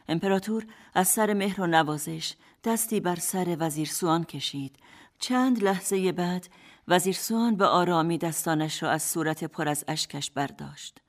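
A woman narrating a radio drama fairy tale in calm, scripted storytelling. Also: fairly low pitch. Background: faint music.

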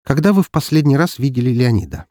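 A man's voice: medium pitch, very animated, fast, warm tone, no room sound, studio quality, voice pushed up. A man voicing an emotional young woman lawyer in an audiobook, speaking in a raised, agitated voice. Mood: questioning. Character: sharp young female defense lawyer, emotional.

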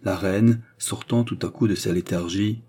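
A man reading a classic novel aloud as an audiobook, with measured storytelling and lightly voiced dialogue. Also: lowish voice, fairly even intonation, mellow. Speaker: audiobook reader. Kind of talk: scripted narration of a classic novel.

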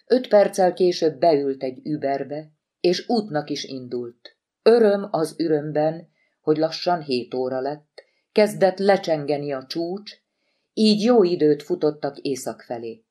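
A woman narrating a novel in an audiobook, in a measured storytelling manner. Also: sits low, expressive, mellow. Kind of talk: scripted narration.

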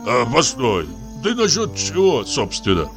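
A man's voice: medium pitch, wildly swooping pitch, unhurried, gravelly, music in the background, pitched above the performer's own voice, full character voice. A man reading an audiobook voices a huge middle-aged man woken at night, sighing and breathing heavily. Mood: sleepy, grumbling. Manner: sighing, groaning, heavy breathing.

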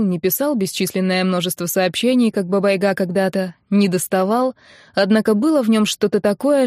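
A woman narrating a novel as an audiobook in an even, measured way. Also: mid-range voice, no room sound, studio quality. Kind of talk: scripted narration.

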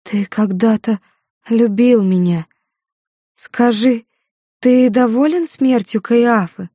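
A dying young woman who wails and curses in a high, strained voice, as a woman narrator puts her on. Her outbursts come slow and heavy, dark in tone and set against a dry, close studio sound. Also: slightly rough, dry recording. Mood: faint, grieving. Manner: wailing, high and loud.

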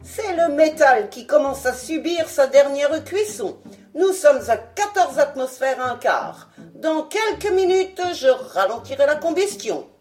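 A woman voicing an excitable little old male scientist in an audiobook, grave in tone and turning shrill. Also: a little slow, soft background music. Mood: calm. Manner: grave then shrill when alarmed. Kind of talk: audiobook character reading.

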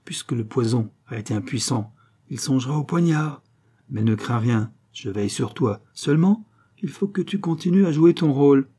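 A man reading an audiobook and voicing a cold, scheming mysterious man who speaks calmly and with command. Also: mid-range voice, normal speed, breathy edge, pitched above the performer's own voice. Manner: icy, calm, commanding.

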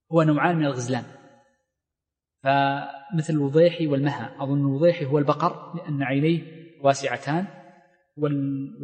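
A man teaches a lesson on Islamic law in a quick, slightly high voice. He reads a line from the text and then explains it at length, with plenty of fillers and restarts. His voice carries a long reverb, as if recorded in a large hall or mosque. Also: darkish tone. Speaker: Islamic scholar teaching fiqh.

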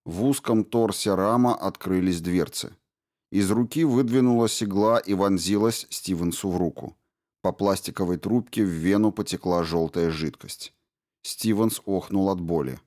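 A man narrating a science fiction audiobook in an even, measured reading. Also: sits low. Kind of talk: scripted narration.

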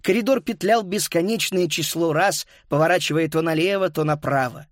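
A man narrating a children's story as an audiobook, lively and voicing each child. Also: on the high side, normal speed, no echo, clean studio sound.

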